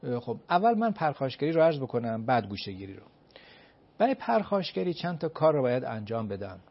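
A man's voice: mid-range voice, big pitch swings. A man giving advice as an expert guest, emphatic, asking himself rhetorical questions and counting off his points one by one. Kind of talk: explanatory advice talk. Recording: dull lo-fi recording.

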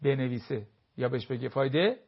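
Male family counselor, husky and a touch high, lively explanatory delivery, dull lo-fi sound. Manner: lively, acts out spouses' remarks in quotes. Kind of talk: explanatory talk with everyday examples.

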